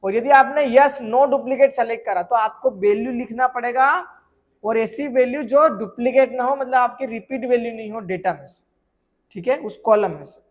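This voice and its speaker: A man teaching a software course, explaining with everyday examples and often asking whether students have understood. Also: very high voice, moderate pace. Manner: keeps checking if students follow; asks rhetorical questions and answers them. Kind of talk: screen tutorial lesson.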